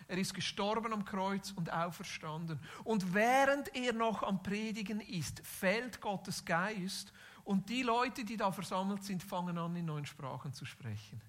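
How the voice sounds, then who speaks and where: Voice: medium pitch, a bit bright. A preacher retelling a Bible story in casual everyday speech, with modern asides.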